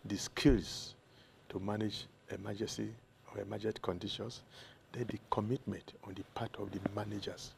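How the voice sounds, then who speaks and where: A man with a Nigerian accent, a doctor answering interview questions in a measured way that lists examples one by one. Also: fairly low pitch, little pitch movement, creaky, a little mellow, slight background noise. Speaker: doctor, consultant guest.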